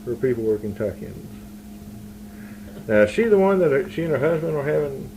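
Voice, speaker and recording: A man's voice: medium pitch, expressive, fairly quick, mellow. A man interviewing someone casually, rambling and often breaking off his own sentences to start again. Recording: noisy 1981 amateur interview recording.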